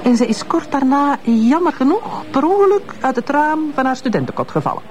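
Playing a bitter, sardonic ex-wife in her fifties who is a witness in a radio drama, an actress with a Flemish accent speaks with mockery and insinuation. Her high voice swings widely in pitch, runs a little fast, and has a slightly mellow quality.

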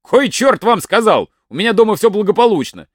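A man's voice: sits high, sing-song, brisk, dry recording, studio quality, voice pushed up. A man voicing a fussy, fretful old peasant father in a folk tale, grumbling and exclaiming.

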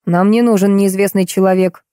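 A woman reading an audiobook, voicing a gruff, stern male police major who speaks slowly and solemnly. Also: medium pitch, steady tone, mellow, no echo, clean studio sound, natural voice.

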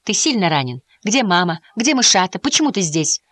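A woman's voice: medium pitch, big pitch swings, fairly quick, a bit bright, no echo. A woman voicing a proud, stern young female mouse in a storybook. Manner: stern, indignant.

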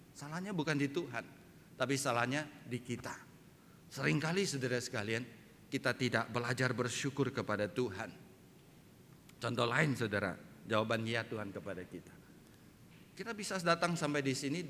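A man's voice: mid-range voice, a bit bright. A male pastor preaching a sermon, who keeps asking his congregation rhetorical questions and addresses them again and again as brothers and sisters. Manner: acts out people's complaints in raised voices. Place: church sanctuary. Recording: reverberant church hall, faint background noise.

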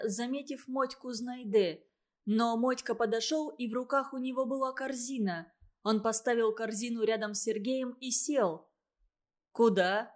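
Female narrator for a classic novel audiobook, measured and expressive, highish voice.

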